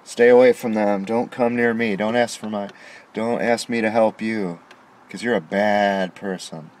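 A middle-aged man vents into a dashboard-mounted camera pointed at him while sitting in his parked car after dark, pushing his grievances with indignation. His voice is lowish, steady, unhurried and slightly mellow, over some faint background noise.

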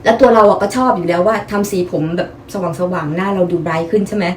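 A woman's voice: on the low side, fast, a little hiss or hum. A young woman chatting politely through a casual product review vlog, explaining each piece in turn. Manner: chatty, polite, frequent soft particles.

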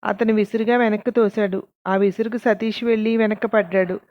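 A woman narrating a story with a steady reading. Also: mid-range voice, fairly quick, muffled recording.

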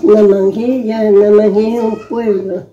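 A woman's voice: mid-range voice, little pitch movement, unhurried, warm tone, echoey room, a little hiss or hum. A frail great-grandmother over a hundred years old with a rural Nicaraguan accent, recounting her life and repeating herself as she goes. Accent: rural Nicaraguan Spanish. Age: over 100, very old. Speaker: interviewee. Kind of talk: recounting life memories in conversation. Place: small brick room at home. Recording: dull lo-fi phone video sound.

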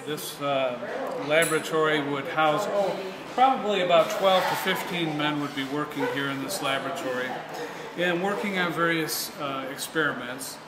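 Man guiding a tour in an echoey room. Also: fairly high pitch. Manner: conversational, with fillers and pauses. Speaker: museum tour guide. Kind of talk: guided tour talk. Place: historic laboratory building, indoors. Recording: echoey room with a crowd around.

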